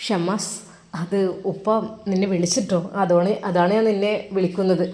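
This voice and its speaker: A plain-spoken, dutiful son, voiced by a woman, talks in a lower, matter-of-fact tone. His Malabar Malayalam accent comes through in his everyday phrasing. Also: fairly even intonation, normal speed, warm tone, close to an everyday voice.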